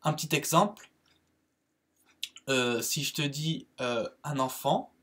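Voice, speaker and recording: A French man with a French accent giving a casual spoken lesson on English verbs, halting, with many fillers and restarts. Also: mid-range voice, a bit bright. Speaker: English teacher, channel host.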